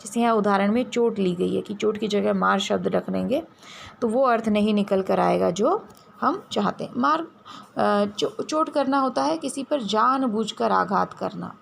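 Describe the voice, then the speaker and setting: A woman's voice: mid-range voice, normal speed, creaky, a little hiss or hum. A woman teacher giving a lecture, explaining step by step and answering her own questions. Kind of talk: classroom lecture.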